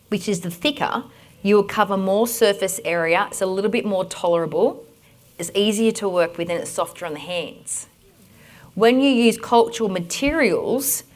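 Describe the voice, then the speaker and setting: A woman with an Australian accent presenting a conference workshop, giving direct, energetic instructions to the audience. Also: medium pitch.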